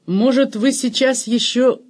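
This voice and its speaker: A man's voice: very high-pitched, fairly even intonation, unhurried, voice pushed up. A man voicing a harsh ship's purser who interrogates suspects fiercely in an audiobook. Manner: barking, interrogating.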